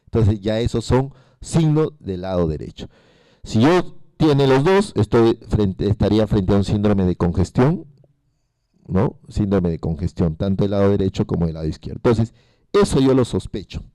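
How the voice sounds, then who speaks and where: A man's voice: on the low side, expressive, moderate pace, dark tone, no room sound. A man giving a medical lecture to a class, asking the students questions and repeating the key terms. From Peru.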